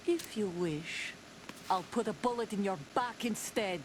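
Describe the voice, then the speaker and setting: A woman's voice: medium pitch, a little slow, background noise, close to an everyday voice. An actress playing a hostile young female soldier who answers bluntly and threatens, in a video game cutscene. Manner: hostile, confrontational. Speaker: mercenary commander.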